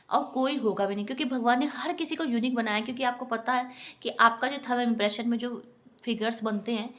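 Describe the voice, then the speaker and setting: A self-help vlogger, a woman with a slightly high, somewhat bright voice, gives an earnest and instructive motivational talk straight to her viewers. She frequently addresses them as friends.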